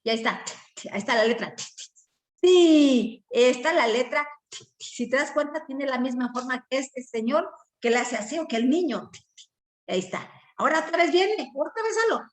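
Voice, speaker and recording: A woman teaching letter sounds to a young child at home, coaxing and repeating each syllable slowly for the child to copy. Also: high-pitched, expressive. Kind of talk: early reading lesson for children.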